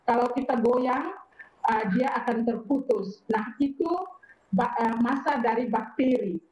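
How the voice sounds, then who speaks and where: A woman plant protection expert explaining in a measured way, often pausing with fillers. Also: on the high side, darkish tone, echoey room, muffled recording, slight background noise. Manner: measured, with frequent hesitation fillers.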